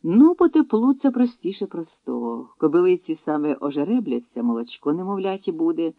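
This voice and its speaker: Male reader doing a generous steppe chief, calm and weighty; phone-like sound. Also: a little high, a little fast, creaky, no room sound. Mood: dignified. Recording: tinny phone-like dry sound.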